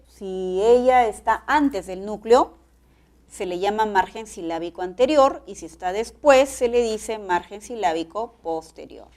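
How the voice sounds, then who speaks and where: A woman with a Peruvian accent teaching a pre-university class, explaining each step in a measured way. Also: on the high side, darkish tone. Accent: Peruvian Spanish. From Peru. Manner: measured, explanatory, spells out syllable patterns.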